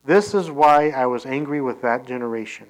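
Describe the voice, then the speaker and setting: A man's voice: medium pitch, moderate pace, poor audio. A man, a pastor, preaching a sermon. He reads scripture aloud and explains it in a conversational way, with fillers and restarts. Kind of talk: sermon reading scripture with commentary.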